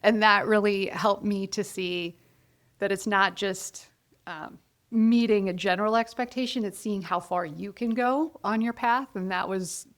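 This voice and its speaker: Woman, forties, from Ohio, gravelly, candid, self-deprecating, interview guest. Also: medium pitch. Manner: candid, self-deprecating, quotes others in lively voices. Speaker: guest, college counselor. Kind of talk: casual interview conversation.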